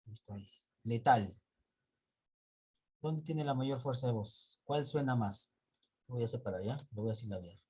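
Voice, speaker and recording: A male teacher leads a classroom grammar lesson, explaining each rule step by step and quizzing the class as he goes. His voice is mellow and slightly husky, sitting at an ordinary pitch for a man. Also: a little fast.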